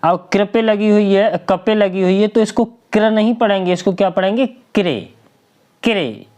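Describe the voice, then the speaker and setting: A woman's voice: medium pitch, moderate pace, a little mellow. A woman teaching a spelling lesson, patient and drawn out, spelling letters one by one and answering her own questions. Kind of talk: slow classroom lesson.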